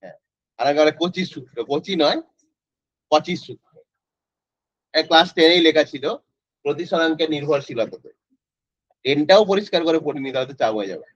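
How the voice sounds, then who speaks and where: A man's voice: on the high side, expressive, a little fast, pauses often, dry recording. A male physics tutor, teaching an online class in a casual way and quizzing students by name. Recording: dry, slightly dull lo-fi audio.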